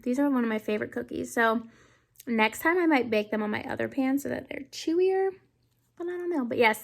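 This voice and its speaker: A woman's voice: a little high, vocal fry. A young woman, vlogging casually to camera in a chatty, rambling way, with lots of ums. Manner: talking quietly with her mouth full. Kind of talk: casual vlog talk to camera. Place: living room at home.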